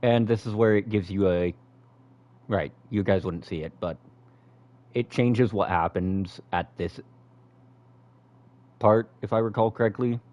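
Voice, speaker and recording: Low-voiced man commenting on gameplay. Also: unhurried, long pauses, no room sound, dull audio. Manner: relaxed, explains game mechanics as he plays. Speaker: game streamer. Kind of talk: casual live gameplay commentary.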